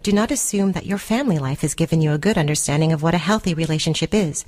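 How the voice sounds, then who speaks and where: In a radio short story, a woman plays a controlling girlfriend who has been jilted, speaking in a lowish, darkish voice that is officious, precise, coldly formal and condescending. Her voice sounds natural, and the recording is close and dry, like a studio.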